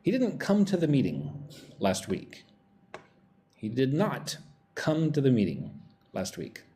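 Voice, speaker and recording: A man's voice: mid-range voice, huge pitch swings, slow pace, mellow, slight background noise. A man teaching English pronunciation on a live stream, talking with energy and reading out viewers' chat messages.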